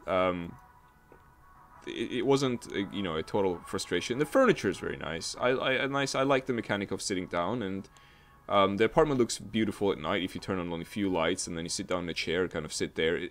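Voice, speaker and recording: A man's voice: on the low side, fairly bright tone. A man giving a casual spoken game review, rambling with frequent restarts and a mildly exasperated tone.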